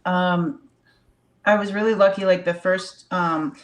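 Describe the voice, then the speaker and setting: A woman with a low voice chatting warmly in a spiritual discussion. She rambles and fills her speech with likes and ums, laughing often. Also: steady tone, unhurried. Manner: warm, rambling, many fillers, laughs often.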